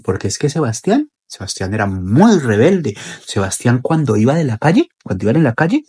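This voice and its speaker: A man telling a children's story in an expressive, repetitive way with dramatic pauses. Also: mid-range voice, slightly rough.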